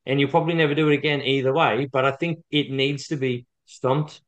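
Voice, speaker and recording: A man's voice: mid-range voice, steady tone, a little fast. A man giving opinions on sport as a podcast co-host, blunt, emphatic and heated.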